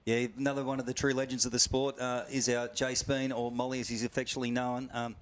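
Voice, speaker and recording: Casting note: folksy Australian male commentator, mid-pitched, slangy, plenty of ums. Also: little pitch movement. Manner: folksy, full of slang, halting with fillers. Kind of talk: live sports commentary.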